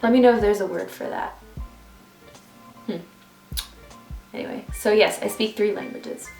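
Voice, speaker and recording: A New York City woman in her twenties records a get-to-know-me vlog on her phone at home, rambling casually with asides. Her mid-range voice is a little mellow, with vocal fry, at normal speed; the room sounds roomy, with faint music behind her.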